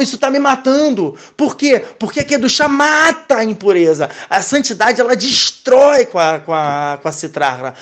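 High-pitched male teacher, lively and expressive, explaining scripture casually. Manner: animated, expressive teaching, sprinkled with Hebrew terms. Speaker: Torah teacher. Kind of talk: casual religious lesson.

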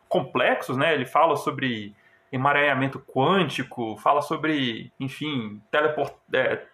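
A man's voice: fairly high pitch, fairly bright tone, roomy sound. A man with a Brazilian Portuguese accent explaining things in casual conversation as a podcast co-host.

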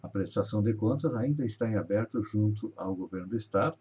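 A man's voice: on the low side, fast, warm tone, husky. A man from Brazil hosting a live news show, reading regional headlines and stories with rising emphasis. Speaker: news host. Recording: dull lo-fi audio.

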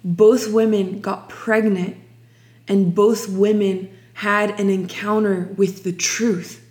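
A woman's voice: mid-range voice, little pitch movement, a little mellow. A young woman from Ukraine sharing her personal faith testimony in an interview, reflective and full of restarts. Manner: slow, reflective, many restarts.

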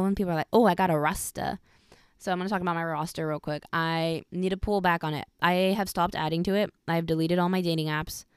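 A woman's voice: on the low side, clean tone, no room sound, studio quality. A woman in her twenties hosting a podcast, chatting casually and giggling as she talks about her life. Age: 20s. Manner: chatty, giggly, animated storytelling. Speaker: podcast host. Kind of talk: casual chat.

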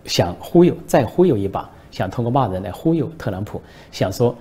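A man's voice: mid-range voice, very animated, fairly quick, mellow, slightly rough. A man from China hosting a political commentary show, explaining at length and telling jokes as anecdotes. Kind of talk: commentary livestream.

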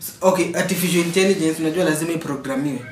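Casting: young Kenyan male, slightly high voice, slangy Swahili-English banter, echoey distant mic. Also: rapid-fire. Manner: slangy, switches between Swahili and English, debating. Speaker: podcast co-host. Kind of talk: casual chat. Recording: roomy, distant mic, faint noise.

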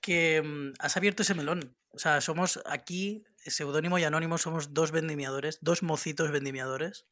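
A man's voice: on the high side, fairly even intonation, normal speed, hardly any pauses, a bit bright, dry recording. A man co-hosting a podcast, joking in a dry, mock-formal way. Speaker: podcast co-host. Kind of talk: casual chat.

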